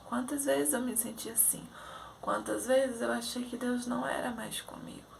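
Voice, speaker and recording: A high-pitched woman preaches her own testimony with fervent emotion. Her voice carries a gravelly fry at the edges of phrases. She swings between raised, pleading lines and soft, hushed whispers, with faint noise in the background. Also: steady tone, moderate pace. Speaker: lay preacher sharing testimony.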